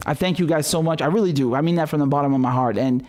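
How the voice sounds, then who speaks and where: Swearing between quick asides, a young Syrian man rants passionately while hosting a live stream about politics. He speaks at a fairly high pitch with a darkish tone.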